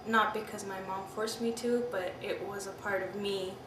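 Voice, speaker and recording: In a roomy, noisy recording captured from a distance, a woman from Pakistan in her twenties shares candid personal recollections, frequently using "you know" and "I mean." She talks at a normal speed in a mid-range voice with fairly even intonation.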